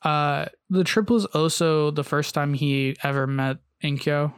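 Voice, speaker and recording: A man's voice: fairly high pitch, steady tone, a little slow, clean tone, no room sound, clean studio sound. A man hosting a casual podcast, telling a story with frequent "uh"s and restarts and reading long quotes aloud. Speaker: podcast host.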